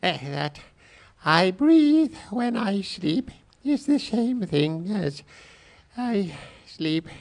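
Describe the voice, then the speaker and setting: A man's voice: sits high, sing-song, very slow, darkish tone, exaggerated voice. A man playing a sleepy, muddled little dormouse in live audio theatre, drowsy, mumbling and hesitant. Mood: drowsy, rambling.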